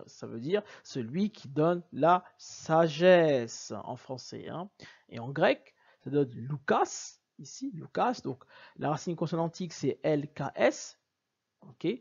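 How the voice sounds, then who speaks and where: Lecturing on word origins over slides, this man sounds fairly high-pitched and a bit mellow with a breathy edge, on lo-fi audio. His delivery is emphatic and repetitive, peppered with "regardez" and "bien sûr" as he tells the listener to look.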